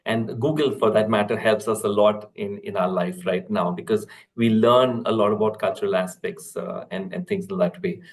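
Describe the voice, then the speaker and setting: A man teaches in a webinar, in a fairly low voice. He explains steadily, often pausing on fillers and restarting his sentences. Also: steady tone, gravelly, low-quality recording. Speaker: corporate trainer, webinar speaker.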